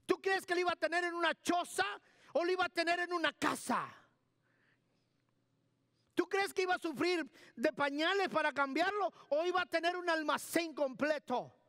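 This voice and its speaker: A man's voice: very high voice, moderate pace, pushed and bright, no echo, clean studio sound. A man pastor delivering an emphatic sermon in church, repeating key words and giving instructions to the sound booth.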